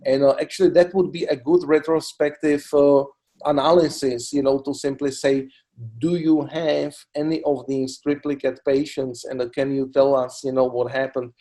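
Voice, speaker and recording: A middle-aged man from the Republic, a cancer doctor answering interview questions in a halting way, full of "you know" fillers. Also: mid-range voice, level tone, warm tone. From Czech Republic. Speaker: oncologist guest. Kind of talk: expert interview.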